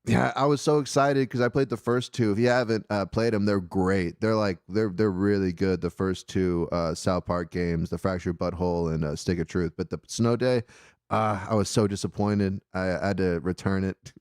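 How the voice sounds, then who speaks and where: A man's voice: low voice, fairly even intonation, moderate pace, darkish tone, clean tone, no echo, clean studio sound. A man hosting a call-in show, asking questions eagerly with lots of fillers. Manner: eager, rambling, many fillers. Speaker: host. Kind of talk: casual call-in interview.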